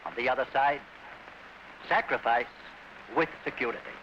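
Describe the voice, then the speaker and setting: A man giving a grave, deliberate public address, heard as an old newsreel archive recording. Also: medium pitch. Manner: grave, deliberate, emphatic oratory. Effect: old newsreel archive sound. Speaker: public speaker addressing the nation. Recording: dull hissy early sound-film recording.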